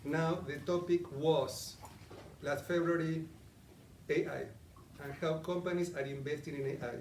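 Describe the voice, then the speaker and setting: This middle-aged Argentinian coach talks with his listeners during a live, interactive presentation, asking them questions. His slightly high voice is steady, measured in pace and a little mellow, heard from some distance in an echoey meeting room with faint ambience and slight background noise.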